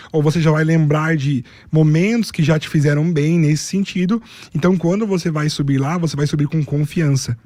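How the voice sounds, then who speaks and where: A Brazilian man with a slightly raised, mellow voice lays out his advice in orderly steps and lists. He speaks as a public speaking coach, recorded dry and close. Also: on the high side, dry recording. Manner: methodical, explains in numbered steps and lists. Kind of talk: didactic interview explanation.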